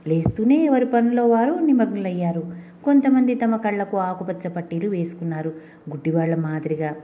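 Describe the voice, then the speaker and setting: Brief: woman storybook narrator, steady reading, dull lo-fi sound. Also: mid-range voice. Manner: steady reading with small restarts. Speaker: audiobook narrator. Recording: dull lo-fi recording.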